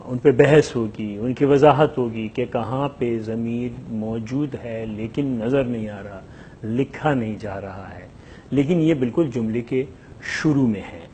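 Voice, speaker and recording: A male teacher explains a lesson at a measured pace, drawing out each example phrase so it can be heard clearly. His voice sits in an ordinary middle pitch, and a faint hum runs under the recording. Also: warm tone. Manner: slow, drawn-out modelling of example sentences; repeats each sentence with several translations. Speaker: language teacher. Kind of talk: spoken language lesson.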